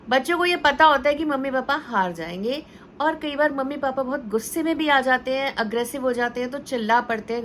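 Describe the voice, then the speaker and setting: A woman teacher talks parents through everyday problems in a relaxed, conversational way. Her voice is bright and forceful and sits a little high, with English words slipped into her speech. A faint noise runs behind her. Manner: storytelling with acted quotes. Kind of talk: parenting advice talk.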